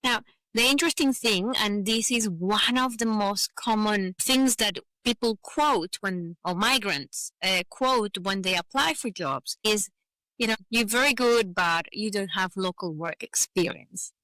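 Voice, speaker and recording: Speaking unhurriedly in a sharp, mid-range voice, this podcast guest, a Venezuelan-accented advocate for migrant professionals whose native language is Spanish, lays out her views earnestly and keeps saying "you know." The conversational interview is recorded dry, with poor audio.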